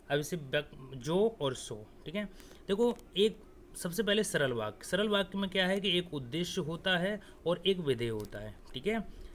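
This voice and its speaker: Male teacher with a fairly high voice, coaching students through exam grammar in a direct, coaxing way. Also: a bit bright, a little hiss or hum. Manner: explains step by step, often adds "theek hai"; talks straight to students, coaxing. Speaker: Hindi teacher. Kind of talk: exam-prep grammar lesson.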